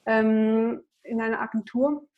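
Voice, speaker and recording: A woman's voice: a little high, steady tone, a little slow, dull audio. A woman podcast guest, a coach, answering questions in casual interview talk.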